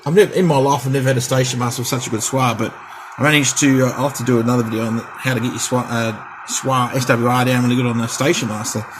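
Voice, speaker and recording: Talking fast with fairly even intonation, a middle-aged Australian radio hobbyist vlogger runs through a casual equipment demonstration in his average-pitched voice. He rambles, chats, and keeps repeating test counts. Background noise is clearly audible in this home recording.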